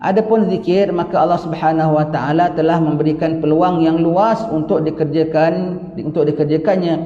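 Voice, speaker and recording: Speaking at a normal speed with fairly even intonation, a Malaysian-accented man gives a religious lecture as a teacher, reading from a book before explaining it through asides and rhetorical questions. His voice is a little high and mellow, and the recording is dull and lo-fi in an echoey hall.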